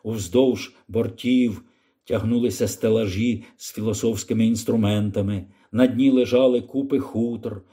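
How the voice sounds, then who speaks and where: A man reads an audiobook aloud in a measured, expressive way, his voice sitting in the mid range. This is scripted narration.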